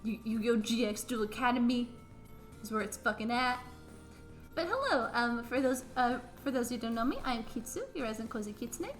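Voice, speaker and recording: Brief: young woman streamer, high bright voice, excitable and loose, light music behind. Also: fairly quick. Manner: excitable, swears casually, stumbles and restarts. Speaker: VTuber streamer host. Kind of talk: casual stream chat and game voice acting.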